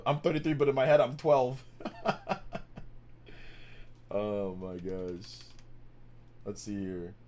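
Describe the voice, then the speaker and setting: A man in his fifties with a lowish, darkish voice hosts a casual gaming livestream. He rambles, corrects himself while talking to chat, and laughs often.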